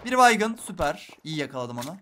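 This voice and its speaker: Bright, high-voiced young gamer. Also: male voice, quick pace, slight background noise. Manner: excitable, talks to viewers while playing, swings between hushed and loud. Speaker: gaming YouTuber. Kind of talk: live gameplay commentary.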